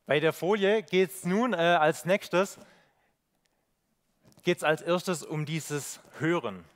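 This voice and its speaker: Man, sermon, slightly high voice, reflective, fillers, rhetorical questions. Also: takes it slowly. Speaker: preacher. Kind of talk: sermon with slides.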